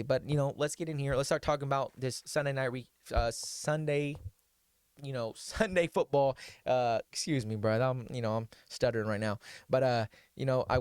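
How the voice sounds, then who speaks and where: A man's voice: mid-range voice, no echo. A young man hosting a podcast, talking football in a loose, rambling way with many restarts and fillers. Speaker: podcast host. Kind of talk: casual sports talk.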